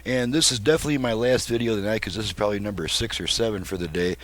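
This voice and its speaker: A somewhat tired car radio repairman shows off his work in a casual, rambling, folksy demonstration. His voice is lowish and fairly bright, and he races along.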